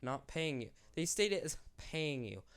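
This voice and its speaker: His voice sits on the high side, smooth and a bit bright, with a sing-song lilt at a moderate pace. The young man hosts a YouTube commentary without a script, candid and rambling, fixing his own slips while sick and losing his voice.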